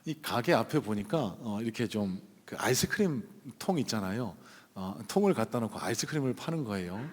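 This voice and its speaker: A man's voice: lowish voice, lively intonation, a little fast. A male pastor telling a personal story in a sermon, conversational and full of hesitant fillers, speaking from the pulpit of a church sanctuary. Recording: long reverb of a church hall.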